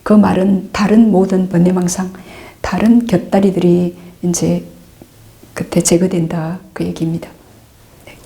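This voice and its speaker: A middle-aged woman, a Buddhist nun, patiently answering meditation questions, calm and repetitive, sometimes dropping into soft asides. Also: fairly low pitch, measured pace, vocal fry, pauses often. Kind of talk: dharma Q&A teaching.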